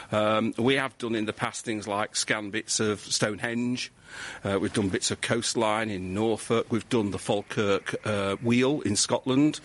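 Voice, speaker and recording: A man, a civil engineering lecturer, answering interview questions outdoors in a measured, explanatory way with frequent restarts. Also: fairly low pitch, fairly bright tone. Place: outdoors on a hillside street.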